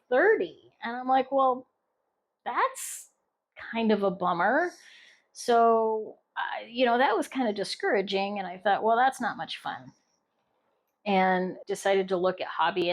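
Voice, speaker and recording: A middle-aged woman from the United States chatting casually on her crochet vlog, rambling with restarts and fillers. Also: medium pitch. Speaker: crochet vlogger. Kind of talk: casual chat.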